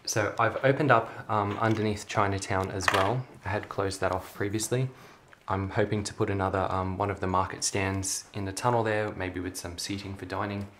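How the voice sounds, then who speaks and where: Young man, lowish voice, casual show-and-tell vlogger, echoey carpeted room. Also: normal speed. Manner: relaxed, chatty, frequent ums. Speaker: LEGO hobby vlogger. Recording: echoey room, faint noise.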